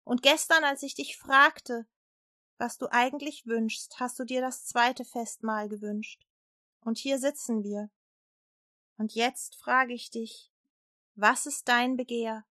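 A woman's voice: fairly high pitch, fairly even intonation, slow pace, pushed and bright, dry recording, clean studio sound. A woman voicing a powerful king in a storybook, speaking in grand, emphatic questions. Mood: generous. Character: mighty male king, generous, then outraged.

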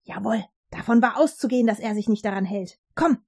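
A woman's voice: on the high side, brisk, a little mellow, slightly rough. A woman voicing scheming male court ministers in a read-aloud Bible story, with a sly, wheedling manner.

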